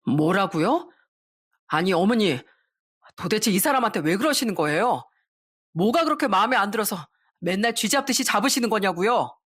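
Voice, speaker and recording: A woman's voice: medium pitch, animated, moderate pace, fairly bright tone, breathy edge. Woman playing a husband sticking up for his wife, pushy questions. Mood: indignant. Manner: indignant questioning. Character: adult man, husband, protective and indignant.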